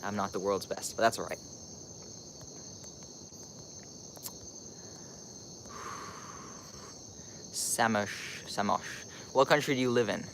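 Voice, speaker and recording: A man's voice: fairly low pitch, expressive, extremely slow, pauses often, background noise. A teenage young man from Costa Rica chats casually as a live-streaming vlogger, rambling and thinking aloud with lots of filler "like"s.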